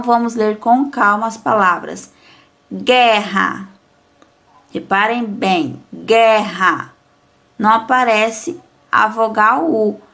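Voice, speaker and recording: A woman teacher, giving a recorded spelling lesson to young pupils and reading each example word slowly and carefully. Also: medium pitch, gravelly, fairly bright tone. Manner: speaks about herself as "a professora".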